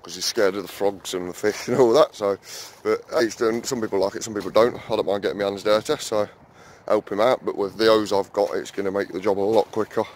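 This allotment vlogger has a lowish, fairly even voice and talks fast with hardly any pauses, over a little hiss or hum. Wandering his allotment before ducking into a small garden shed, he chats casually to the camera, packing in fillers and addressing everyone as guys.

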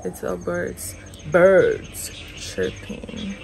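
A woman's voice: on the low side, huge pitch swings, drawn-out words, creaky. A young Nigerian woman vlogging with a Nigerian accent, chatting playfully and slipping into Pidgin while filming herself on a phone. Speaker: travel and lifestyle vlogger. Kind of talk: casual vlog chat. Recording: crowd chatter and street noise.

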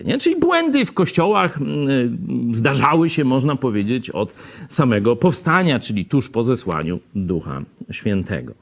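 A man in his sixties, a pastor, giving televised Bible teaching in a studio on a lapel mic, animated and gesturing with both hands. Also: fairly high pitch.

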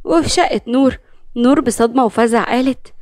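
A woman's voice: fairly high pitch, a little fast, darkish tone, dry recording, studio quality. A woman with an Egyptian accent narrating a serialized drama story. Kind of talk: scripted narration.

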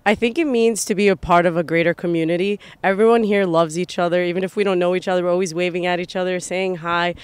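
Brief: young male student, high smooth voice, quick sincere answers. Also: fairly even intonation, no room sound. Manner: sincere, earnest. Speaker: student interviewee.

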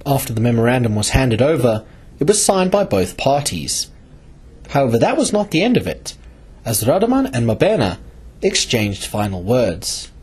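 A man narrates a scripted news report in a husky voice of middling pitch. His delivery rises and falls in a lively way. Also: normal speed.

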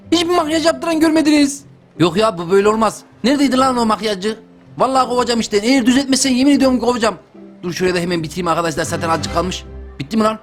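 A young man doing joking lets-play commentary for a gaming channel, talking straight to his viewers. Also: high voice. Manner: excitable, joking, talks to viewers. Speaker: gaming youtuber.

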